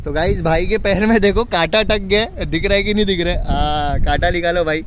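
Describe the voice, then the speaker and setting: A young man hosting a casual exploring vlog at outdoor ruins, excitedly calling to his friend while recording on a handheld phone. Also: high-pitched, fairly quick. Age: young adult. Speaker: vlogger host. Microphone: phone camera, handheld. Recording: loud outdoor noise on phone.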